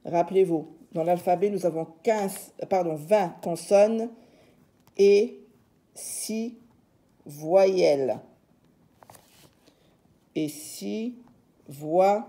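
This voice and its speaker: A woman's voice: on the low side, very slow, pauses often, mellow. A woman teacher giving a reading lesson, patiently sounding out letters and syllables one by one.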